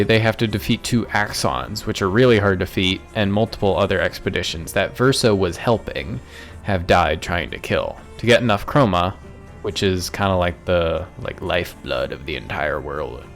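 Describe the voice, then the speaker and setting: Gravelly-voiced guy recapping a game. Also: deep voice, normal speed, soft background music. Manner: joking, offhand, rambling asides. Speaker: gaming YouTuber. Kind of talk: casual game story recap.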